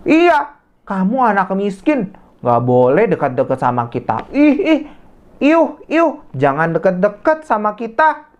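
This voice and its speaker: A woman's voice: medium pitch, huge pitch swings, moderate pace, pitched above the performer's own voice. A woman voicing mean schoolgirls who taunt a poor classmate in a children's story, with sneering, mocking taunts. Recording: slightly muffled lo-fi audio.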